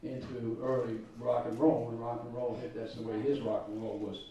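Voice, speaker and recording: A middle-aged man telling students relaxed, rambling stories in a spoken school presentation. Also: mid-range voice, normal speed. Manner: relaxed, rambling storytelling with fillers. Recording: dull echoey room from far off.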